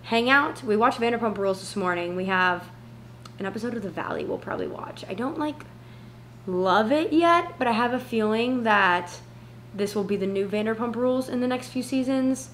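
A woman in her 20s with a bright, somewhat high, animated voice chats at a moderate pace in a home try-on haul vlog, dropping slangy, informal asides. A camera mic a few feet away in her open-plan kitchen and living area records roomy echo and noticeable background noise.

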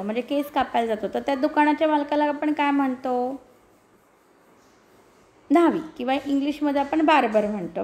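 Her voice is high but darkish in tone as this woman, a primary school teacher, reads a story from the textbook to her pupils. Along the way she asks questions, echoes back the answers and gives page-by-page instructions one step at a time.

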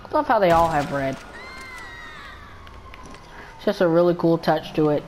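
A woman giving casual gameplay commentary, excitable and rambling, often stumbling and repeating her words. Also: low voice, normal speed, some chatter behind, slight background noise, poor audio.

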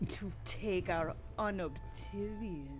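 A woman voicing a solemn alien warrior woman who speaks in slow, formal, broken phrases. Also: mid-range voice, soft background music, lightly acted.

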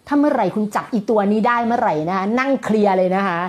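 A woman's voice: a little high, fast talker, a little mellow. A woman giving a motivational talk as a coach, emphatic and blunt with coarse slang.

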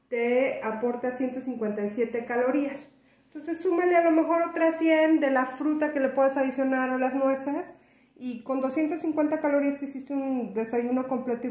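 Casual female vlogger, slightly high voice, echoey room. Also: a little mellow. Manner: chatty, friendly, with frequent fillers and restarts. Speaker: vlogger reviewing a cereal. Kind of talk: casual product review vlog.

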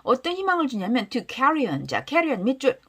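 A woman's voice: high voice, wildly swooping pitch, normal speed, fairly bright tone, husky. A woman teaching English through pop songs, explaining lyrics and leading the class in repeat-after-me drills.

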